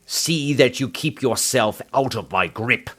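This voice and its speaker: A man's voice: mid-range voice, animated, slow pace. A man voicing a fierce, furious old man who blusters and snarls threats. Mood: threatening.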